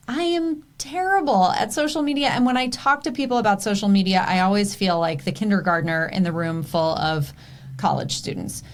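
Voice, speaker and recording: A woman hosting a podcast, giving a chatty, enthusiastic intro. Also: medium pitch. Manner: bubbly, enthusiastic. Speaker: podcast host.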